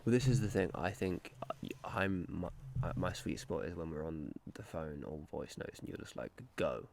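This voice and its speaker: A man's voice: low voice, expressive, moderate pace, vocal fry, a little mellow, slight background noise. A man co-hosting a podcast, chatting casually with crude, playful teasing. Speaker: podcast co-host. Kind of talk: casual chat.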